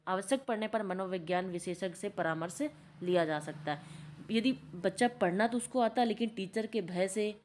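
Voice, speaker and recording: A woman's voice: mid-range voice, moderate pace, darkish tone, slight background noise. A woman tutor giving a spoken lecture from notes, who keeps posing questions and answering them herself. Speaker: teacher-training tutor.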